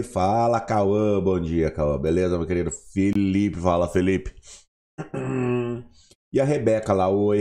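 A young Brazilian man with a Brazilian Portuguese accent runs a casual live online class, playful and chatty, greeting viewers by name while sounding sleepy. His voice is lowish and mellow.

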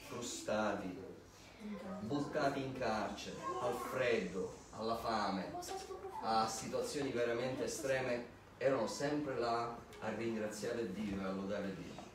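A male pastor reading scripture aloud and then preaching from his own life, in a sermon. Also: mid-range voice. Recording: very echoey hall, voice from far off, faint noise.

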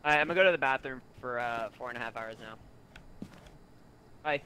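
A man's voice: medium pitch, a little fast, bright, forceful tone, a little hiss or hum. A man chatting casually as he plays a video game with others. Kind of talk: casual gaming chat.

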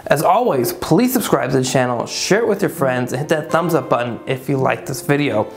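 This woodworking channel host, a man in his thirties, chats cheerfully through a casual shop update in a furnished room. He speaks a little fast in a creaky, mid-range voice with lively intonation.

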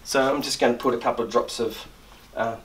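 A little hiss or hum runs under this clip of a middle-aged barber explaining a trim and shave step by step in his barber shop. His voice is medium-pitched and fairly even, a little fast, and he often restarts and repeats words as he works.

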